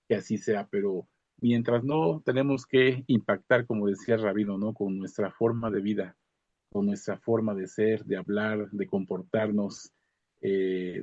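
A man shares a reflection on a video call. His voice is gravelly, dark and husky, and he pauses often with fillers and restarts. The call audio is dull, lo-fi and dry. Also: lowish voice, no echo. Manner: halting, with many fillers and restarts. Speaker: study group member giving a comment. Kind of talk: casual religious reflection.

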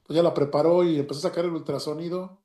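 A man with a Mexican Spanish accent tells a personal story in a halting way, with many restarts and retold dialogue. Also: fairly high pitch, steady tone, warm tone. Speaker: storyteller giving a personal testimony. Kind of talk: emotional personal story, casual. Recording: roomy echo.

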